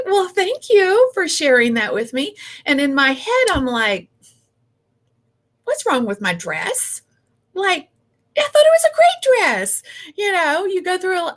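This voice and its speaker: Middle-aged female host, casual chatty storyteller, slightly high pitch. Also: a bit bright. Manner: chatty, many fillers, playful re-enactments. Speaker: business show host.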